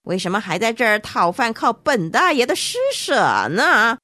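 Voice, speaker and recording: A woman's voice: on the high side, sing-song, normal speed, sharp tone, dry recording, clean studio sound, full character voice. A woman voicing a scornful rich man who mocks a beggar in a children's Bible story. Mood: sneering. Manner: mocking, scornful.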